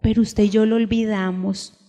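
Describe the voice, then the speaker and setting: A woman preaching a sermon, emphatic and deliberate, putting repeated questions to her congregation. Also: medium pitch, flat delivery, dark tone. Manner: slow, deliberate delivery with sudden raised cries. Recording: long echo of a large hall.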